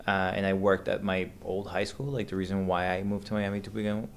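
Gravelly-voiced Venezuelan man, hesitant talk. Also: sits low, little pitch movement, a little fast. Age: 30s. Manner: hesitant, many fillers and restarts. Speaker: podcast guest. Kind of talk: casual conversation.

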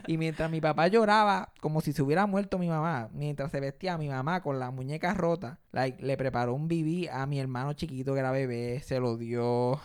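A young Puerto Rican man hosting a podcast, telling family stories in a casual, animated way and laughing often. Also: fairly high pitch, a little fast, few pauses, clean tone. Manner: animated, laughing, crude jokes. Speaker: podcast host. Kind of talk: casual storytelling chat.

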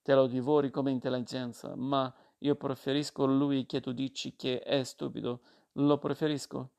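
A man voicing an angry, insistent young war veteran with a creaky voice. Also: medium pitch, flat delivery, moderate pace, darkish tone, lightly acted. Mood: cold.

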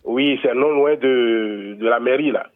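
A man speaks over a telephone line as he calls in to a radio program. His voice sits at a middle pitch and comes through thin and tinny, squeezed by the phone line. He talks formally and methodically, spelling out directions step by step with small hesitations. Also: measured pace. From Benin. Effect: heard over a telephone line. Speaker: radio call-in listener. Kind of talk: phoned-in complaint to a radio show. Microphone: telephone handset.

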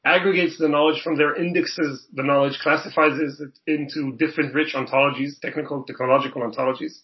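A man from Israel with a slightly high voice explains his startup in an interview. He talks earnestly and keeps circling back, repeating words as he restarts his phrases. The audio is dull and lo-fi. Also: fairly even intonation, a little fast. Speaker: startup co-founder and CEO. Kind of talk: interview answers.

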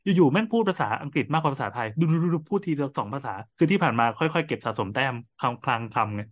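A man who is a doctor, co-hosting a casual chat podcast, animated and laughing often. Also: fairly high pitch, fast.

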